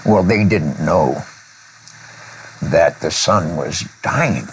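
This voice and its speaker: An older man, a former preacher, telling a children's story during a conversation. He talks deliberately, with pauses and throat-clearing. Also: extremely low pitch, lively intonation, a little hiss or hum, poor audio.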